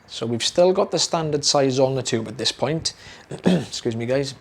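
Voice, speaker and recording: Speaking at a moderate pace with medium pitch, a young British audiologist explains a procedure to camera. His style is easy and chatty, heavy on fillers and repeated words, and his voice is slightly hoarse, as if fading.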